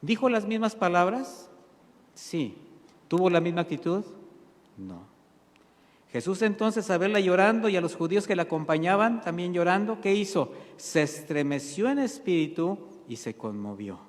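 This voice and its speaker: Male pastor, sermon delivery, rhetorical questions, slightly high voice, long hall reverb. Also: big pitch swings, normal speed. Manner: preaching with rhetorical questions and answers; addresses congregation as brothers. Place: church hall.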